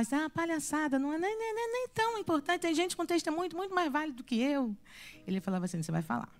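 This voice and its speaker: A woman in her thirties gives a church testimony in a fairly high voice. She tells her story in an animated way, acting out each exchange, and soft music plays under her words. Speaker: guest speaker giving a testimony.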